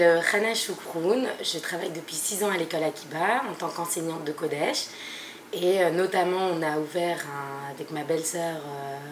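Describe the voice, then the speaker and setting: A young woman with a lower-than-usual voice explains a project in a steady way, with only light hesitations. The room is echoey, with faint ambience in the background. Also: a little hiss or hum. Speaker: teacher. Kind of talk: spoken presentation.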